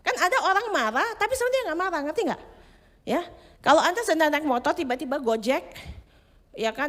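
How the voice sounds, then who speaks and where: A high-voiced woman delivers a sermon with animated, swooping intonation. She slips in English phrases and acts out people's thoughts. Her voice rings with the long reverb of a church hall. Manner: expressive, mixes English phrases, acts out quoted inner voices. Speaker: preacher.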